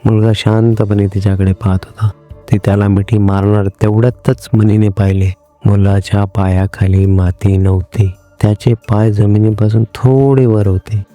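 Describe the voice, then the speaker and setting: A man telling a horror story in a measured, suspenseful way. His voice is low and very dark, and faint music plays underneath. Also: flat delivery. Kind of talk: scripted horror narration.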